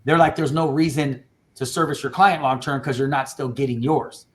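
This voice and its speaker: A man's voice: mid-range voice, steady tone, moderate pace. A man hosting a casual panel talk, speaking with passion and emphasis and often cutting in.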